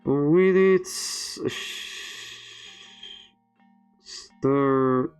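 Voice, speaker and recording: A man's voice: mid-range voice, a little mellow, clean tone, soft background music. A man voicing a formal schoolteacher in a video game, stumbling word by word as he reads reversed dialogue aloud. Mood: halting lecturing. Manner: halting, stumbling word by word while deciphering reversed text.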